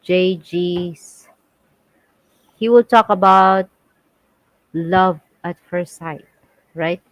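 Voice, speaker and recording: A Filipina woman co-hosting a casual live stream with her husband, speaking unhurried English with loose grammar. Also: fairly low pitch, fairly even intonation, no room sound, rough recording. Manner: slow and halting, with nonstandard English grammar and frequent laughs.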